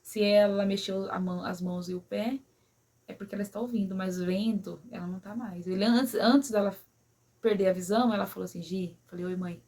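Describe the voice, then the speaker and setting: Breathy woman, emotional personal story, soft trailing asides. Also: medium pitch, steady tone, a little fast. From São Paulo, Brazil. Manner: emotional, many "né?" and "sabe assim?" tags, quiet at sad moments. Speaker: vlogger.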